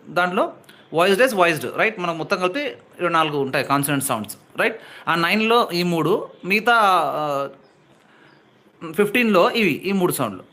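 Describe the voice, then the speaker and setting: A man's voice: high voice, bright, forceful tone. A man teaching English phonetics for exams, patiently repeating sounds and example words and mixing English terms into his talk. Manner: mixes English terms into Telugu speech. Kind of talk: exam-prep lesson with slides.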